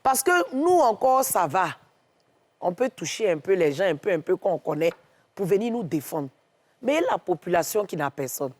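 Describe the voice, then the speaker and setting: A woman with an Ivorian French accent, a guest on a TV talk show, telling a story in a lively way and acting out what each person said. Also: fairly low pitch, moderate pace. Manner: lively, tells stories in the first person and acts out what each person said. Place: TV studio.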